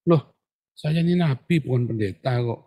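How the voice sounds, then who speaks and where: A man gives a casual sermon in a playful, chatty way. He slips into quoted voices and keeps the tone loose. His pitch sits in a middle range for a man. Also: moderate pace. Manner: lively and joking, acts out quotes and laughs. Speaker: pastor. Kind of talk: informal sermon.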